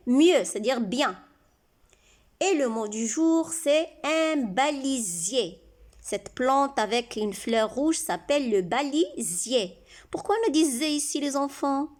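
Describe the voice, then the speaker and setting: A woman teaches young children to read, with a bright, high voice. She speaks slowly and sounds out each word with care, saying it more than once so the class can follow. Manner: slow, carefully enunciated teaching voice, repeats words. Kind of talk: children's reading lesson.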